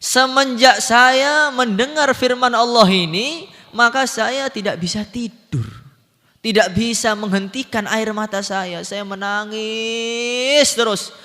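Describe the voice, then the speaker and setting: A man's voice: very high-pitched, slow, pushed and bright, voice pushed up, heavily acted. A man preaching voices a fearful weeping stone speaking to a prophet, in a tearful, pleading tone. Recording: long hall reverb.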